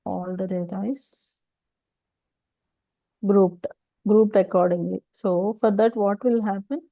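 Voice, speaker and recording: A woman's voice: mid-range voice, fairly even intonation, slow pace, dry recording, narrow, tinny audio. A woman with a South Indian accent teaching an informal technical lesson, explaining step by step and often asking questions that the speaker then answers. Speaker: data engineering instructor.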